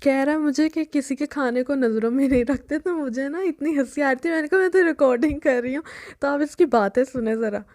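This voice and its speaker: A woman's voice: high-pitched, fairly quick, darkish tone. A young woman, chatting and rambling through a casual vlog story. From Pakistan. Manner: chatty, rambling, keeps restarting with "anyway". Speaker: vlogger.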